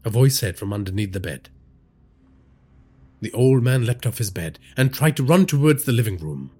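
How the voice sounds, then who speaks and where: A man's voice: mid-range voice, moderate pace, husky. A man narrating a scripted horror story, telling it dramatically. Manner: dramatic storytelling with lively inflection.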